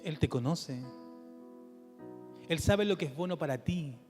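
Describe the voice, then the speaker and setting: Male Chilean pastor, high-pitched, preaching in a reverberant hall, animated with rhetorical questions, faint music behind. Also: unhurried. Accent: Chilean Spanish. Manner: animated preaching with rhetorical questions, drops to a soft low voice for emphasis. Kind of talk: sermon. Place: church.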